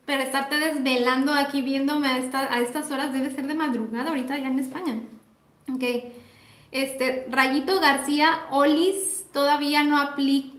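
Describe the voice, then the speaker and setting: A woman's voice: high-pitched, fairly bright tone, roomy sound. A Mexican woman teaching nail techniques on a live stream, chatty and affectionate, greeting viewers by name. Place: indoor home workspace.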